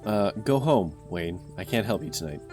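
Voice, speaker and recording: A man voicing a gentle, welcoming middle-aged woman with a soft, motherly way of talking in a game. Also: lowish voice, animated, moderate pace, music in the background, natural voice.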